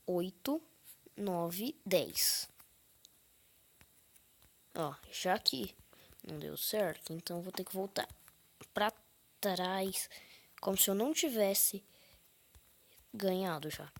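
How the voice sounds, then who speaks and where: Casual gamer woman with a gravelly voice. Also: mid-range voice, lively intonation, takes it slowly, long pauses. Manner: counting under her breath, frequent whispered asides; sudden loud frustrated outbursts. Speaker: gaming channel host. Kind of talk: casual gameplay commentary.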